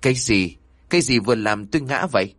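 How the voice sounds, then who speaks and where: A man voicing a stern, suspicious mother who scolds in sharp questions. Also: fairly low pitch, big pitch swings, fairly quick, no echo. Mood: scolding.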